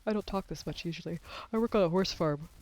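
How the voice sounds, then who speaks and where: A young adult game streamer talks fast in a medium-pitched, slightly mellow voice, though the audio quality is poor. Chatting casually with viewers while playing, they ramble, swear a little, and are losing their voice.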